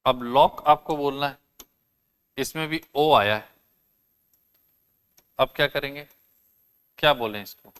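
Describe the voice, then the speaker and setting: Male teacher, slow and careful, sounds out each word, asks then answers his own questions. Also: mid-range voice, fairly bright tone, clean tone. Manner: explains step by step, asks questions and answers them; sounds out words slowly and carefully. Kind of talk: classroom lesson.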